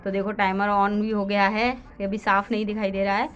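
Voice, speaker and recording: A woman's voice: medium pitch, level tone, moderate pace, lo-fi sound. A woman narrating a family vlog, walking through what happens step by step with lots of fillers. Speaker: family vlogger.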